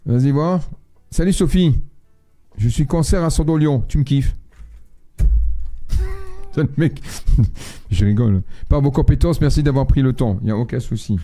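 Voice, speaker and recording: A man with a very dark, mellow voice hosts a live astrology stream. He chats with viewers in a blunt, slangy, joking way while faint music plays underneath. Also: medium pitch, moderate pace, pauses often. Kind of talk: casual live-stream chat, reading viewer messages.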